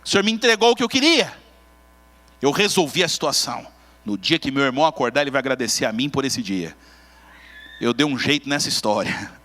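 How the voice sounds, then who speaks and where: A preacher acting as Marta, a brisk fixer. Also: male voice, mid-range voice, lively intonation, bright, forceful tone. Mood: eager. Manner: brisk, complacent, reassuring. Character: bustling self-assured woman who fixes everything. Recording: long church reverb.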